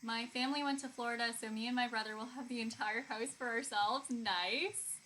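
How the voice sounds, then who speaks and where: This woman streams herself making art, keeping the talk informal as she reads viewer comments out loud between strokes. Brisk and steady, her fairly high voice comes across bright and forceful, over clear background noise.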